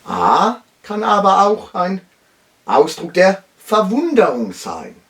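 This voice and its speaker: A man's voice: high-pitched, wildly swooping pitch, takes it slowly, a bit bright. A man with a Palatine German accent giving a mock-formal comic dialect lesson, pompous and lecturing with dialect asides.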